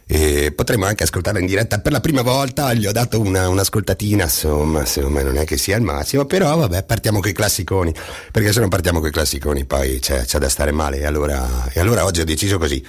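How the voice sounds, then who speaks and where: Very deep, nasal man. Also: husky. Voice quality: nasal, congested voice. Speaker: radio show host. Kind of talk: casual radio chat introducing music.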